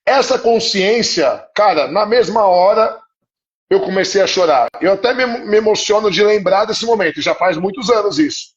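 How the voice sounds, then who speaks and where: A man's voice: high-pitched, expressive, moderate pace. Earnest man telling a confessional story. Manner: earnest, confessional, often asks "entende?". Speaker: guest psychoanalyst. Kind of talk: emotional personal storytelling. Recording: muffled live-stream audio.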